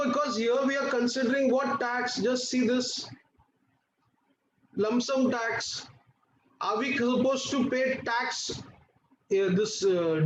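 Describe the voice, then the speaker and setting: A man with an Indian accent teaching a live online class, insistently prompting students with repeated questions and endearments. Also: very high voice. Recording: roomy, muffled, noisy online class audio.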